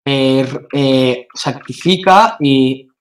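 A woman's voice: a bass voice, drawn-out words. A woman gamer teasing her friend in casual voice chat.

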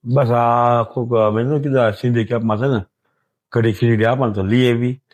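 An older man, talking in an emotional interview, soft and halting, often trailing off quietly. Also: medium pitch, steady tone. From Gujarat, India. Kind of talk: emotional interview, plain talk.

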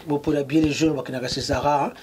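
A man's voice: on the high side, steady tone, a little fast, darkish tone. A middle-aged man from Congo, a fashion designer, interviewed in a clothing shop, mixing French and Lingala with emphasis. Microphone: handheld mic held by interviewer.

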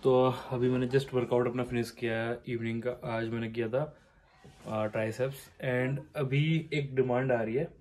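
A man's voice: medium pitch, level tone, normal speed, darkish tone. A young man with a Hindi accent from Gwalior, chatting casually to a handheld phone in his daily vlog, laughing often. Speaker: vlogger.

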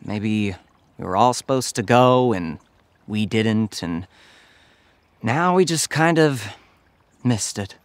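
A man's voice: lowish voice, lively intonation, slow pace, pauses often, no room sound. An earnest, worried scout in a short film, deferential and timid. His tone rises and falls a lot as he works up nerve to speak. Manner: timid and deferential, says sir constantly. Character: earnest, worried male boy scout, polite.

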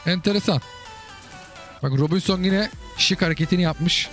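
Man casually breaking down a game replay, chatty and matey, fairly high voice, faint music behind. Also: moderate pace, a bit bright. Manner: chatty, keeps asking "you get it?" and calling the listener brother. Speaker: host analysing viewers' game replays. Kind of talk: casual commentary.

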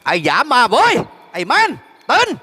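A man reading a novel aloud while voicing a coarse, loud-mouthed male bandit who bellows crude insults. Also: very high voice, wildly swooping pitch, rapid-fire, breathy edge, in a large hall, pitched above the performer's own voice, exaggerated voice. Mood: bellowing.

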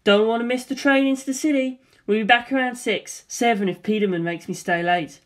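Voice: medium pitch, a little fast, a bit bright, lightly acted. A reader voicing a loving, chatty wife and mother in a comic screenplay read-aloud. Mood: affectionate.

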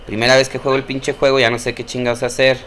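A fast-talking young streamer with a Mexican Spanish accent narrates a horror game, swearing freely, flinching at jump scares, and arguing with the characters. His mid-range voice is level and a bit bright over a little hiss or hum.

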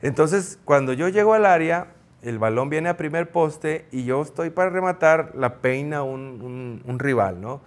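A man's voice: fairly high pitch, unhurried. Mexican man telling a story. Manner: animated anecdote telling with quoted shouts. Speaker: guest, former goalkeeper. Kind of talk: storytelling in an interview.

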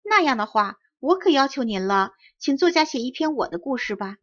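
Sad pleading storybook rabbit woman reader, high-ish, dull audio. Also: sing-song, brisk, a bit bright, exaggerated voice. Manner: pleading, tearful. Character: sad little rabbit, emotional. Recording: dry dull close recording.

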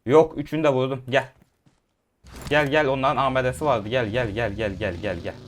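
Excitable young man streaming a mobile shooter. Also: mid-range voice, slight background noise. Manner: shouts and laughs in bursts, calls out enemies fast. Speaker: gaming YouTuber. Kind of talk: excited gameplay commentary.

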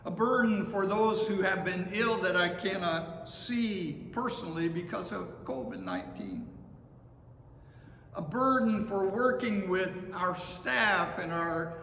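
Older male pastor, measured sermon, high voice, long church reverb. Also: expressive, a bit bright. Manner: measured, deliberate preaching with gestures at a pulpit. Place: large empty church sanctuary. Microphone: far camera. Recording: echoey hall, faint room hum.

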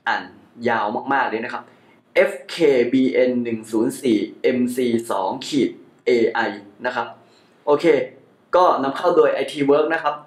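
A man's voice: mid-range voice, moderate pace. A young man giving a casual unboxing commentary as a tech reviewer, chatty and joking about his own mispronunciations. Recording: echoey room.

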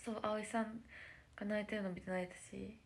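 This idol live streamer, a young woman with a lilt, talks fairly quickly in a mid-range, level, gravelly voice. She casually chats with viewers over a phone livestream, groping for words now and then and dropping into whispers on the side.

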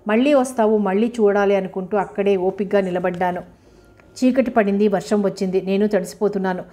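Remorseful lame young man, read by a woman narrator: quiet, pleading, mellow. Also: mid-range voice, fairly even intonation, a little fast, lightly acted.

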